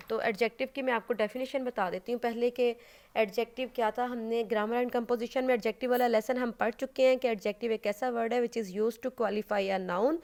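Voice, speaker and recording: Woman teacher, smooth clear voice, slightly high; patient step-by-step classroom explainer. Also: a little mellow. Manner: patient, explains step by step, often checks with "okay?"; mixes English terms into her explanations. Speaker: school English teacher. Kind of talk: recorded online class lecture.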